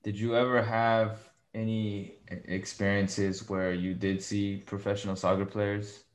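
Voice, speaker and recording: A man's voice: on the low side, little pitch movement, unhurried. A man hosting an interview show, speaking informally and chummily as he puts questions to his guest. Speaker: podcast host and interviewer.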